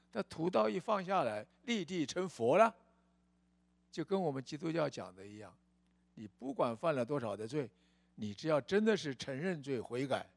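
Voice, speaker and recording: A man's voice: on the high side, dry recording. A man preaching a storytelling sermon in a church, folksy in tone and asking rhetorical questions.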